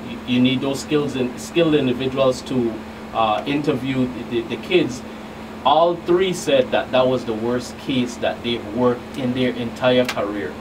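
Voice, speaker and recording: Speaking at a medium pitch, this middle-aged man is a guest federal investigator on a radio show, replying to interview questions in a halting manner with repeated words. The small radio studio recording, made on a boom-arm studio mic, sounds distant and has a clearly noisy room hum.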